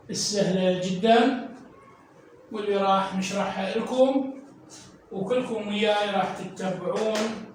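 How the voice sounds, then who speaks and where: A man with an Iraqi accent teaches children to read, drawing out and repeating each syllable slowly. His voice sits very high. He is heard from a distance in a strongly echoing room with a faint hiss behind him. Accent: Iraqi Arabic. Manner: slow, drawn-out syllables, repeating sounds for learners. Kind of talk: children's reading lesson. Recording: echoey room, voice from off mic.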